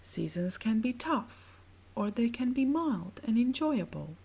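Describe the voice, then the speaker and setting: With a breathy, soft voice of dark, mellow tone, a woman leads a sleep meditation at a slow, calming pace. Her pitch moves up and down expressively while she offers gentle, measured instructions to the listener.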